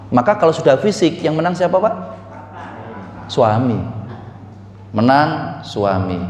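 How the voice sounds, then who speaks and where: Joking preacher. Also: male voice, high-pitched. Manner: joking, asks the audience questions. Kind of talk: sermon. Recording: echoey hall with reverb.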